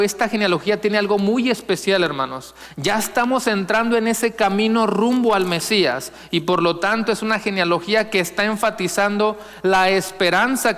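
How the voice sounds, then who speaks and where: High-voiced pastor preaching in a hall. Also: male voice, fairly bright tone, clear, resonant tone. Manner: asks the congregation questions and answers them; slow, emphatic reading of scripture. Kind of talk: sermon.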